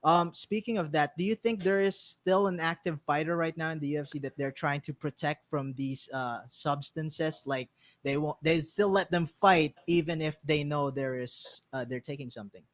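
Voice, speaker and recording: A man's voice: fairly high pitch, moderate pace, dry recording. A man hosting an interview, agreeable and loose, asking his questions with fillers along the way. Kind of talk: casual interview.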